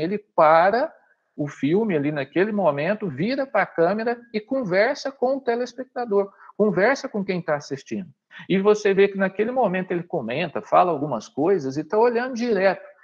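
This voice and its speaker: A man's voice: sits high, expressive, moderate pace, lo-fi sound. A man with a Brazilian Portuguese accent leads a live online workshop. He explains things step by step, speaks straight to his listeners and keeps checking in with them. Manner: explanatory, addresses the audience directly, frequent "tá?" checks. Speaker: online teaching trainer. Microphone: video call.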